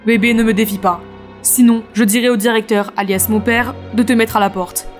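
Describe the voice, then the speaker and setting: A woman plays an arrogant young man in a cartoon story, sneering and condescending. The voice sits a little high, with faint music under it. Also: steady tone, a little fast, natural voice. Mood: mocking. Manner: mocking, condescending. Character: smug arrogant young man, cheating boyfriend. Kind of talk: animated story dub.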